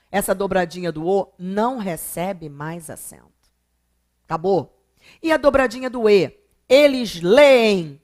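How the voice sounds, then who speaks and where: A Brazilian woman teaching a recorded grammar lesson, asking rhetorical questions and drawing out words for emphasis. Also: on the high side. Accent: Brazilian Portuguese. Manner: emphatic, drawn-out syllables when stressing examples; rhetorical questions answered herself.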